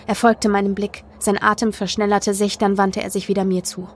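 A woman narrating a horror story in the first person, with tense, expressive delivery. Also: mid-range voice, a little fast, a little hiss or hum. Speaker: podcast narrator. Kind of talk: dramatic horror story reading.

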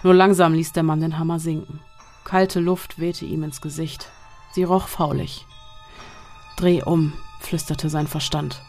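A narrator reading a horror story in a dark, suspenseful audiobook style over faint music. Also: medium pitch, flat delivery, moderate pace. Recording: long reverb with faint music.

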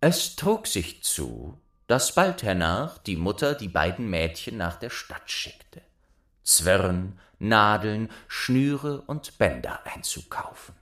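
A man reading a fairy tale aloud in an expressive, measured storybook style. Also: fairly low pitch. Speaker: narrator.

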